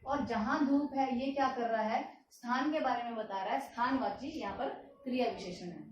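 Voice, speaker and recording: A woman's voice: fairly high pitch, moderate pace, dull audio, slight background noise. A woman teaching a grammar lesson, explaining step by step, repeating examples and answering her own questions. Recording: echoey room, distant mic.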